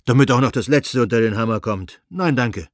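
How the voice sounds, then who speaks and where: Man reading as a blunt old-fashioned landowner, gruff, scornful, dry close sound, storybook reading. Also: medium pitch, fairly quick, no room sound, lightly acted. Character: gray-moustached male landowner, blunt and reactionary.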